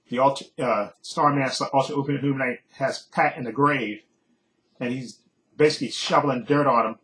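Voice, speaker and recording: A man's voice: mid-range voice, fairly bright tone, low-quality recording. Rambling man recapping a TV episode. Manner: rambling, with many fillers and frequent chuckles. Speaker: TV show reviewer. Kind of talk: casual spoken episode recap.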